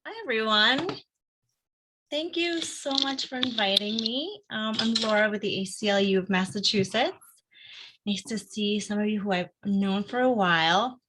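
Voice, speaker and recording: A middle-aged woman from Argentina gives an informal, upbeat presentation as a guest speaker on a video call, often pausing with "um". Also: medium pitch, background noise. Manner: upbeat and conversational, frequent "um"s. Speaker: guest speaker, advocacy field director.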